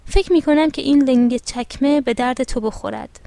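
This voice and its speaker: A woman's voice: high voice, steady tone, warm tone, no room sound. Woman voicing a kind storybook mother, patient and soothing, dry voice. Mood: coaxing. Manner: soothing, reassuring. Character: kind middle-aged mother, gentle and patient.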